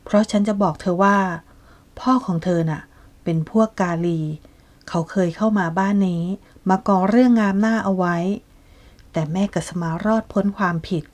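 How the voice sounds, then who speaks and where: A woman's voice: medium pitch, darkish tone, natural voice. A woman voicing a spiteful woman hurling scornful accusations in an audio novel.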